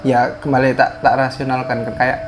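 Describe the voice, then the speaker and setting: A man's voice: mid-range voice, flat delivery, normal speed, music in the background. A man, a guest telling a story in casual talk, hesitant and full of fillers and restarts.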